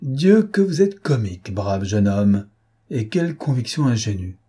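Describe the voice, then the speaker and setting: A man's voice: lowish voice, moderate pace, mellow, breathy edge. A man voicing a haughty, mocking rich prince in an audiobook, speaking coldly and with scorn. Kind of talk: audiobook character voice.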